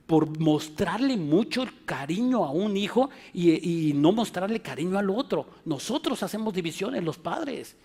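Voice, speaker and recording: Mexican male pastor, higher-pitched voice, animated sermon with many restarts. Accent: Mexican Spanish. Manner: animated preaching, acts out quoted voices; frequent restarts and filler words.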